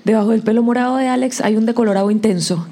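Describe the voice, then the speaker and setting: A woman fires off crude, sarcastic quips as a comedy podcast co-host. She talks fast in a fairly high voice. Loud background noise runs under the recording. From Puerto Rico. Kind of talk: casual comedy podcast chat.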